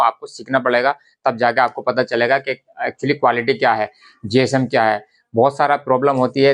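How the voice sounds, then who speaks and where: A man's voice: mid-range voice, fairly bright tone. A man, casually explaining fabric quality to viewers and repeating his points. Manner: conversational, repetitive, addresses viewers as brothers. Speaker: garment business vlogger. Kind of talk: casual instructional talk to camera.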